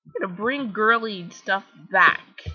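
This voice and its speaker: In an unhurried, mid-range voice, a Canadian teenager with a Canadian accent gives casual commentary on her gameplay, chatty and self-mocking as she rambles. Soft music plays in the background of her slightly dull lo-fi home recording.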